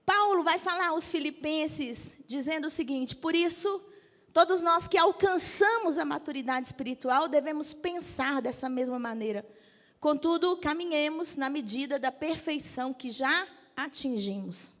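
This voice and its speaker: In a reverberant church hall, a bishop in her fifties with a Brazilian Portuguese accent gives a church teaching talk at a measured pace. Her voice is high and lively, and she teases and jokes with the congregation, asking for their agreement.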